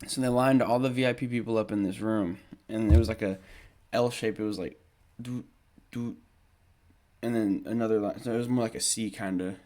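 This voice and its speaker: A man's voice: lowish voice, fairly even intonation, brisk, darkish tone. A young man hosting a podcast, telling a casual story in a rambling way with many ums and restarts while showing photos. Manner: shows photos while talking. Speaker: podcast host.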